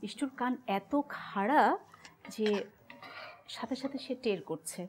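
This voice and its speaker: A woman's voice: a little high, slow. A woman hosting a cooking show, explaining each step in a teasing, playful way. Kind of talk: cooking demonstration with playful banter. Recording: noisy kitchen with clinking utensils. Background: cutlery and pan sounds.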